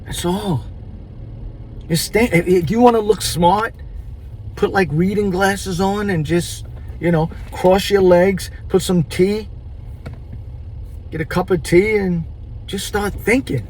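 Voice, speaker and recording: A man vlogging in a casual monologue, chewing gum, talking with drawn-out rhetorical asides. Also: sits high, a little mellow, a little hiss or hum, low-quality recording.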